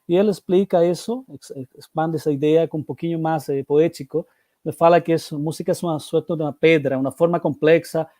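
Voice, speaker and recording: A man from Chile, a native Spanish speaker, gives a seminar presentation in halting portunhol, Portuguese with a Spanish accent and Spanish words mixed in. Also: on the high side, dark tone, dry recording, clean studio sound. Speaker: academic presenter.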